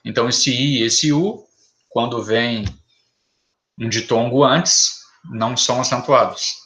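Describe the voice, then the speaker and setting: A man gives a grammar lesson at a slow, deliberate pace. He sets out examples one word at a time, in a voice of ordinary middle pitch. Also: steady tone, fairly bright tone. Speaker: teacher.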